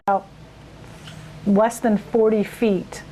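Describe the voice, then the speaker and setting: A woman's voice: mid-range voice, little pitch movement, slow, dark tone, a little hiss or hum, poor audio. Woman town official, chatty and down-to-earth, mid-range voice, giving a local community update. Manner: casual, plain-spoken and chatty. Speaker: town administrator.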